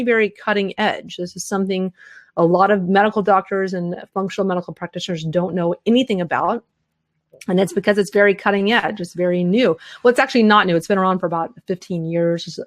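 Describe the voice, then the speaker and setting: In a recording with no echo, a woman on the low side of pitch hosts a live health webinar. Worn out and losing her voice, she answers listener questions at length, speaking fast in run-on answers littered with fillers.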